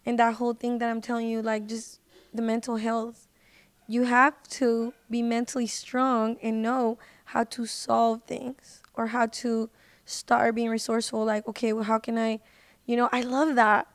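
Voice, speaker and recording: As a guest on a podcast, an independent singer tells casual personal stories in a fairly high voice with flat delivery and a measured pace. Her speech is informal and slangy, and she repeats phrases for emphasis. The recording is close and dry, with no room sound.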